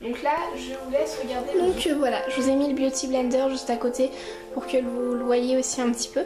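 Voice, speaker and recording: A woman's voice: high voice, fairly even intonation, a little fast, reverberant, over music, low-quality recording. A woman beauty vlogger reviewing a makeup kit in a rambling, chatty way, talking straight to her viewers. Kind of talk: casual makeup review and tutorial.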